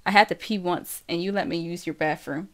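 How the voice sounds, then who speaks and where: Teasing teenage boy voiced by a woman, relaxed, plain, lowish voice, audiobook. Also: a little fast, close to an everyday voice. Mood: easygoing. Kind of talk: audiobook reading.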